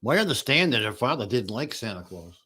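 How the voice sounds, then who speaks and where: A man with a deep voice and a dry throat, co-hosting a casual talk show with short laconic replies. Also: sing-song, brisk, sharp tone, slightly rough. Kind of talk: casual radio-style chat.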